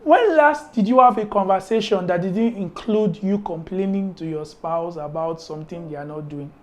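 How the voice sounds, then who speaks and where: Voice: medium pitch, moderate pace, faint music behind. A podcast host giving faith-based marriage advice, emphatic, repeating key words and firing off strings of rhetorical questions.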